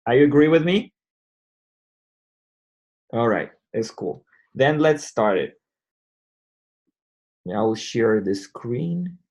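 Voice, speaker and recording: A man hosting an online community call, explaining things step by step in a halting way. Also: mid-range voice, animated, a little mellow. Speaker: host presenting a crypto wallet.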